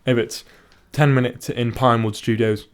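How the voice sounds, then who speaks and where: A man's voice: mid-range voice, steady tone, normal speed, smooth. A man co-hosting a casual podcast chat, wry and persistent with his odd questions. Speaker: podcast co-host.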